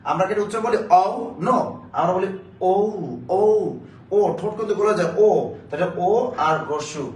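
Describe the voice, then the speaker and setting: High-voiced teacher, roomy sound. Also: male voice. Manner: urgent, coaxing viewers to answer fast; drills facts by repeating questions and answers. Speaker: Bangla grammar teacher. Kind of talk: live online class. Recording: roomy, distant mic, faint background noise.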